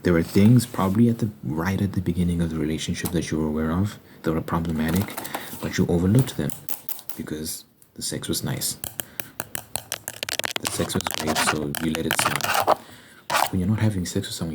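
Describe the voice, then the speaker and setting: Man, deep low pitch, casual opinionated video host, emphatic, repetitive phrasing, noisy recording. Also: a little fast. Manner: emphatic, repeats phrases for stress.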